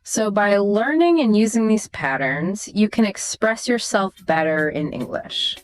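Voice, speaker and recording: A woman co-hosting a scripted podcast dialogue, explaining ideas in a clear, teacherly way. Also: medium pitch, animated, a little slow, poor audio. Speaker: podcast co-host. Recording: soft music behind the voice.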